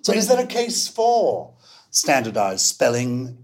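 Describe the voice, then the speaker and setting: A man's voice: medium pitch, huge pitch swings, measured pace, darkish tone. A man hosting a podcast, talking in a playful, enthusiastic way. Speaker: podcast host. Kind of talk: lively conversational chat.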